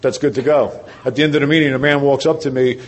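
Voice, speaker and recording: Fast-talking and steady, an older New Jersey man gives his testimony as a recovery speaker in a large convention hall. He keeps it conversational and pokes fun at himself, dropping to a low, quiet voice for emphasis.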